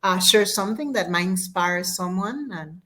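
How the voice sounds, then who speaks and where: A woman's voice: lowish voice, animated, normal speed, fairly bright tone. Reflective woman guest. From Puerto Rico. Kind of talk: interview conversation.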